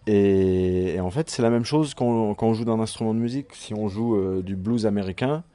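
A man's voice: lowish voice, normal speed, mellow, no room sound. A man who plays trombone explains his craft thoughtfully in a documentary interview.

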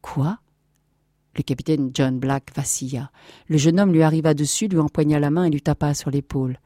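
A woman with a low, dark voice reads a story aloud in a measured, softly expressive way. The recording is close and completely dry. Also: no echo. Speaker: narrator. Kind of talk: audiobook story reading.

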